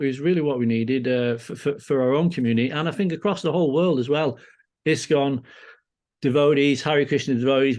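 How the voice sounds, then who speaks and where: A man from Lancashire with a Lancashire accent, talking as a podcast guest in a halting way, full of restarts. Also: medium pitch, a little mellow. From Lancashire, England. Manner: halting, many restarts and fillers. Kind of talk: casual conversation. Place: farm community temple in Scotland.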